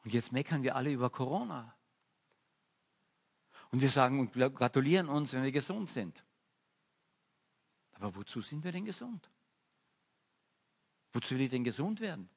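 A man preaches in a church, telling a parable in a conversational, illustrative way. His voice is somewhat husky, and his pitch sits in an ordinary middle range. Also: animated, moderate pace, long pauses. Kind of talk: sermon.

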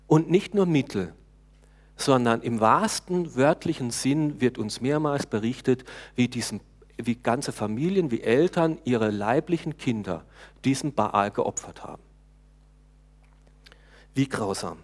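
A male preacher at an ordinary middle pitch delivers a sermon at a measured pace, talking to the congregation in a relaxed, conversational way. He hesitates frequently, sometimes restarts a phrase, and puts questions to his listeners.

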